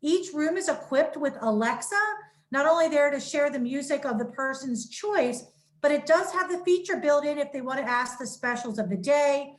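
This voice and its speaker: A woman's voice: sits high, moderate pace. A woman giving a promotional presentation on a video call as a marketing director for senior living.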